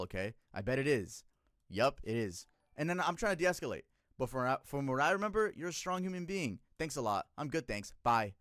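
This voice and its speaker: A man in his twenties, a streamer casually telling a story to his chat, emotional and profane, jumping between loud outbursts and low muttering. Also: no echo, studio quality. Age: 20s.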